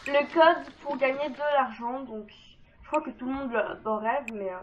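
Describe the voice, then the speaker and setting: A woman's voice: sits high, moderate pace. A woman explaining game cheat codes in a casual, rambling let's-play, full of fillers and self-deprecating asides. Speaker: gaming video creator. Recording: dull lo-fi mic with faint noise.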